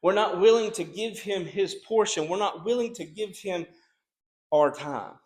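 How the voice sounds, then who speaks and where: Earnest preaching man, slightly high voice. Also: measured pace, a little mellow. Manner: earnest preaching with repeated restarts. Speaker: pastor. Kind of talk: sermon.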